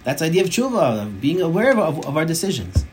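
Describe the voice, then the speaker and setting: A man giving a Torah class from his home office, talking in an animated way, restarting phrases and mixing in Hebrew terms. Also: a little high, fast, a little hiss or hum, rough recording.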